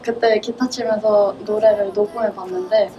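A woman in her twenties chatting casually and politely as an interview guest, quick to giggle. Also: mid-range voice, steady tone, mellow, highs cut off, a little hiss or hum. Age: 20s. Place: indoor rehearsal room with drum kit. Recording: distant mic, music behind.

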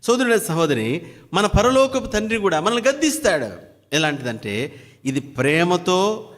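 A man's voice: high voice, big pitch swings, normal speed, fairly bright tone, in a large hall. A man preaching a daily devotional sermon who keeps firing rhetorical questions at his listeners. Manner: fires repeated rhetorical questions.

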